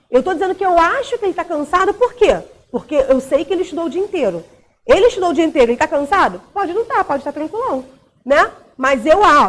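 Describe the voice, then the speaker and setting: A woman teacher with a Brazilian Portuguese accent, explaining a recorded grammar lesson and checking in often with short tag questions. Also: high voice.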